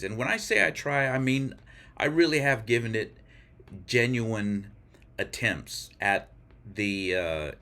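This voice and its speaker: A man's voice: mid-range voice, fairly bright tone. Candid, self-deprecating man in his fifties. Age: 50s. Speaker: vlogger. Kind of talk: casual to-camera vlog.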